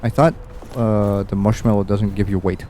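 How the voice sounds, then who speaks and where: A man's voice: on the low side, level tone, moderate pace, background noise. A young man streaming a game, rambling and musing aloud with easy chuckles as he plays. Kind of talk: casual gameplay commentary.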